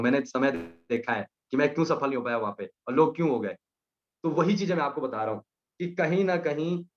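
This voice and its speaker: A young man giving an emphatic motivational speech to his team, hammering home the same punchlines again and again. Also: on the high side. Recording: slightly muffled lo-fi recording.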